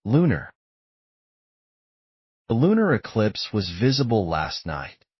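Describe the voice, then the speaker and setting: A man reads vocabulary words and sample sentences at a very slow, deliberate pace. His voice is low and husky, yet his pitch moves in a lively way. The recording is dry and a little dull, lacking high end. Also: dry recording. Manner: measured, deliberate enunciation. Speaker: vocabulary reader. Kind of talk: slow scripted word-and-sentence reading.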